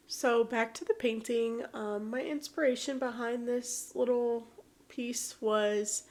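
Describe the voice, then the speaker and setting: Painting while she talks, the young host of an art channel rambles casually and pokes fun at herself. Allergies leave her a little congested, and her mid-range voice carries vocal fry with a slightly mellow tone.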